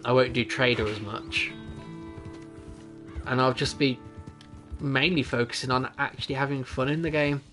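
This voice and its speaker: A man's voice: medium pitch, a bit bright. A young adult man giving casual, rambling gameplay commentary as a streamer, chatty and self-amused.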